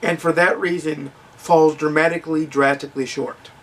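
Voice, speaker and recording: A man's voice: fairly high pitch, steady tone, normal speed, a bit bright, far from the mic. A man giving a frank, conversational book review with ums and restarts, his voice starting to crack.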